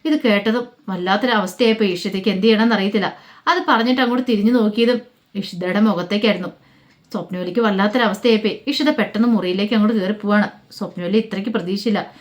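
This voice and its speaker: A woman storyteller retelling a TV serial plot in a rapid, chatty way. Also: mid-range voice.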